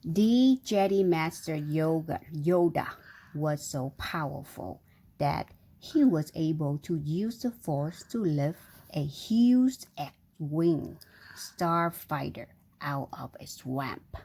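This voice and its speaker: A woman reads a picture book to a young child in a low, expressive voice that is warm, slow and a bit breathy. She often stops to chat, asking questions and adding sound effects to keep the child engaged.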